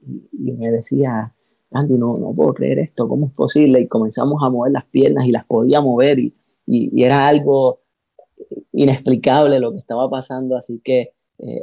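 A man's voice: mid-range voice, vocal fry, dark tone, no room sound, poor audio. A pastor giving an emotional personal testimony in an interview. He tells the story with energy and acts out the voices he quotes.

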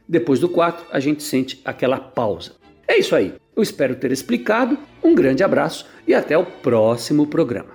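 A man's voice: fairly high pitch, very animated, moderate pace, faint music behind. A man with a Brazilian Portuguese accent, a conductor answering listeners' questions on the radio in a patient, didactic way, now and then singing short melody examples.

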